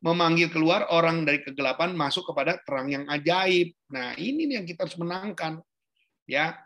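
A man's voice: on the high side, brisk, a bit bright. A male pastor preaching a sermon, often calling on his listeners directly and acting out little quoted scenes. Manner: conversational preaching, addresses listeners as Saudara, acts out quotes.

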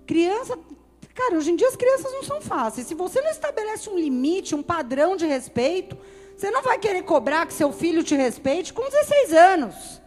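A woman's voice: very high-pitched, sing-song, brisk, a little mellow, in a large hall. A woman pastor giving a sermon in a chatty, conversational way, often acting out the people she quotes.

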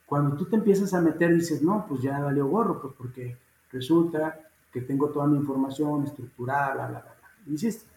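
A man's voice: fairly high pitch, a little fast, a little mellow, roomy sound, low-quality recording. A man with a Mexican accent, a guest in a casual interview, talking emphatically and informally. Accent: Mexican Spanish. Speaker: guest, housing executive.

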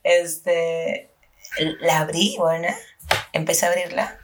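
A woman's voice: lowish voice, little pitch movement, slow pace. A woman, telling a story in casual chat and swearing freely. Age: 30s.

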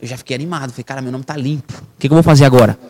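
A man's voice: medium pitch, steady tone, racing, a little mellow. A man, a real estate broker guesting on a podcast, telling an emotional personal story with intense, fervent delivery. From Brazil. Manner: intense, fervent, calls listener "irmão".

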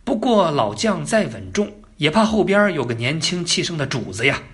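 Lively, chatty male storyteller. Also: on the high side, moderate pace. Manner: lively, colloquial and joking asides to the listener. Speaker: narrator. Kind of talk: casual history storytelling.

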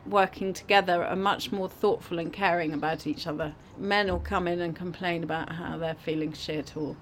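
A woman's voice: fairly low pitch, fairly even intonation, moderate pace, slight background noise. A woman who is a head chef, talking enthusiastically about her kitchen and its food in a casual conversation.

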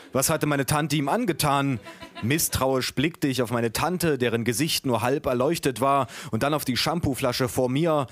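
A male author giving a comic reading of his novel in a dry, deadpan way. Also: mid-range voice, dry recording.

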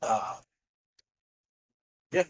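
A man's voice: very slow, muffled recording. A man hosting a podcast in casual chat, rambling with many fillers and acting out movie quotes. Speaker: podcast host.

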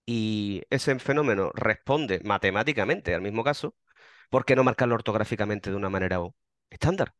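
A man's voice: medium pitch, no room sound. A man from western Andalusia with a western Andalusian accent, answering interview questions in a patient, teaching way with self-deprecating asides. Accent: western Andalusian Spanish. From western Andalusia, Spain. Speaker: interview guest, member of a volunteer group.

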